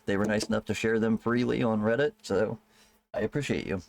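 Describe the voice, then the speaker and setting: Low-voiced man GM, relaxed, profane, chatty. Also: brisk, gravelly, slight background noise. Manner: loose, swearing, laughing asides. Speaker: game master. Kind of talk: casual tabletop game narration.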